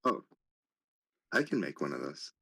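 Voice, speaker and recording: A man in a tabletop game, talking in a relaxed, joking way about his rolls. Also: rumbling low, unhurried, creaky, husky. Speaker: player. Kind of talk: casual tabletop game chat.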